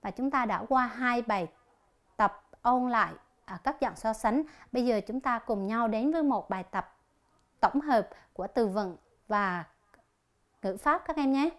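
Her voice a little high, a woman teaches English on television, taking each exercise slowly and speaking the answer options out loud.

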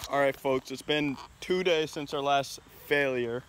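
A man vlogging a fishing trip from a small motorboat, joking and hollering with excitement. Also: medium pitch, measured pace. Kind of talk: casual vlog narration. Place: outdoors on a small motorboat on open water. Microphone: handheld phone camera. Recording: loud boat engine and wind noise.

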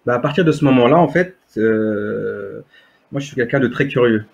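This is conversational testimony from a man in his thirties, a native Berber speaker, being interviewed on a video call indoors at home. His medium-pitched, creaky voice is animated and moderately paced, though hesitant with frequent fillers and restarts. Slight background noise sits under the dull, lo-fi webcam audio.

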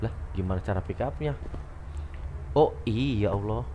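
A man's voice: fairly low pitch, unhurried, noisy background. A man gives casual let's-play commentary on a horror game, jumpy and full of startled exclamations. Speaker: gamer playing a horror game.

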